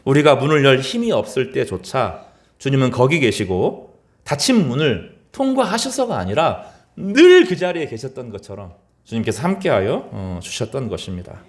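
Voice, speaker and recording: A middle-aged man preaching a sermon as pastor, his voice rising high in quoted lines and dropping low at the end of phrases. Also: very animated, moderate pace.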